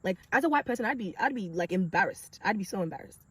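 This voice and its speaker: A young woman, a nurse, telling a personal story to camera in an animated way, with sudden high exclamations. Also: fast, husky, no room sound.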